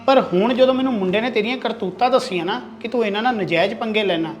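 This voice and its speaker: A man's voice: high-pitched, fast talker, faint music behind, lightly acted. A man playing a loyal, protective younger brother-in-law in a family drama, earnest and lecturing. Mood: stern, threatening. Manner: earnest, lecturing, threatening when angered.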